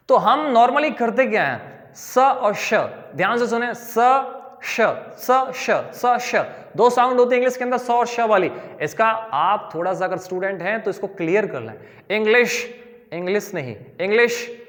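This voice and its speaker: High-voiced Indian man teaching English. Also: fairly bright tone, big-room sound. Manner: addresses viewers as dear children, drills sounds by repeating them. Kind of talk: spoken English lesson.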